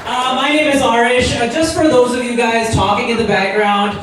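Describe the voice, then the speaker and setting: A young man from Pakistan doing a stand-up comedy set, self-deprecating and punchy, pausing for laughs. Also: very high voice, fairly even intonation, a bit bright. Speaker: stand-up comic. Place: live event room with audience. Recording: echoey venue mic heard from far off with crowd.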